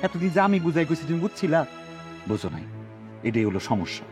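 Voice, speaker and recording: An actor playing a scheming husband who takes a second wife, talking in a lively dialect-heavy way. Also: male voice, fairly high pitch, faint music behind. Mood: lecturing. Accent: Bangladeshi Bangla dialect. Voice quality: animated, lively, fast talker. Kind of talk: comic TV drama.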